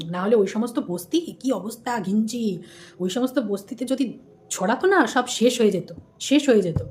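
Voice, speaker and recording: An Indian woman hosts a casual commentary vlog in a fairly high, darkish voice. She is chatty and scolding, says things more than once, and throws rhetorical questions at her viewers.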